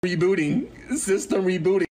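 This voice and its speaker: Glitching robot rebooting, put on by a streamer, flat, clipped, announcing itself. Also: medium pitch, normal speed, slight background noise, lightly acted. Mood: robotic.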